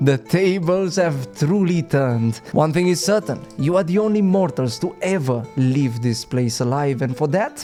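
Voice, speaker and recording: A man's voice: a little high, expressive, normal speed, hardly any pauses, mellow, soft background music. A man narrating a tabletop game as game master, dramatic and playful.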